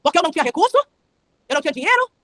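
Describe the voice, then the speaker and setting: Young brazilian lady preacher, talks super fast, repeats phrases with fervor, dry mic. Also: extremely high pitch, very animated, fairly bright tone, dry recording. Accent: Brazilian Portuguese. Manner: fervent, repetitive preaching cadence. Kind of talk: testimony sermon.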